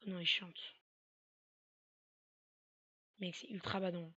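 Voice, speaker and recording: Bright, husky woman gaming commentary. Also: lowish voice, little pitch movement, slow, no room sound, dull audio. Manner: swears a lot, panicky shouted reactions. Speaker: gamer playing a horror game. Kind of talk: let's play commentary.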